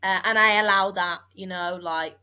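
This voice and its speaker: A young woman in her twenties talks in a casual podcast chat, her voice bright and forward. She rambles warmly through fillers and restarts, open and a little emotional. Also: medium pitch, steady tone, normal speed, smooth. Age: 20s. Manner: chatty, emotional, many fillers. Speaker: podcast co-host and guest.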